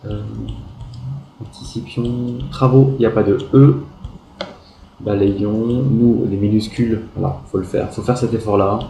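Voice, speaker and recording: A schoolteacher, a man, works through his pupils' exercises, spelling out verb endings letter by letter with patient, gentle praise. His voice is low, very dark and gravelly, and his delivery is slow. He sounds like he is in an echoey room with a faint hum of background noise. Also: steady tone. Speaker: primary school teacher. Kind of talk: correcting pupils' written exercises aloud.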